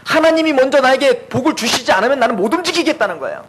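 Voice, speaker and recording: High-voiced man preaching a sermon. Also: rapid-fire, a little hiss or hum, poor audio. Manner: animated, acts out quoted voices of God and Moses. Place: church.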